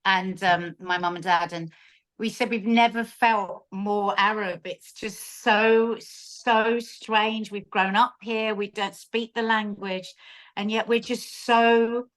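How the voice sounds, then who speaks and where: A woman's voice: mid-range voice, steady tone, slow pace, fairly bright tone, low-quality recording. A woman from South hosting a casual video-call chat, gushing and emotional as she talks on at length. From South London, England. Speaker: host.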